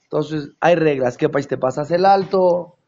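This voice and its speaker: A man gives a Torah class, animated and full of rhetorical questions to his listeners. His voice sits a little high. The recording is dull and lo-fi. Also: measured pace. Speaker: religious teacher.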